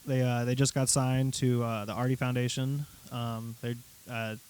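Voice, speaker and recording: A young adult man co-hosting a podcast in casual chat, talking in halting bursts and restarting his sentences. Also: medium pitch, flat delivery, a little mellow, smooth. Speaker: podcast co-host.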